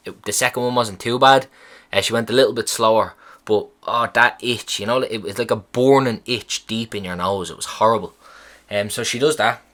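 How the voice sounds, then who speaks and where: A young man casually telling a story on his podcast, swearing freely and acting out what people said. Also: lowish voice. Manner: profane, animated retelling of a hospital visit. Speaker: podcast host.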